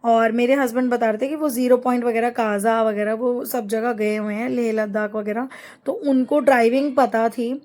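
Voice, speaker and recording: A middle-aged woman narrating a family travel vlog in a chatty, rambling way, pausing to find words. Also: on the high side, steady tone, a little mellow. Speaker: travel vlogger.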